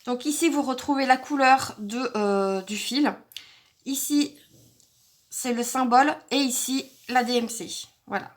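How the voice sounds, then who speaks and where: A woman's voice: high-pitched, measured pace. A woman vlogger chatting casually through an unboxing, thinking aloud with frequent hesitations and fillers. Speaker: crafting vlogger.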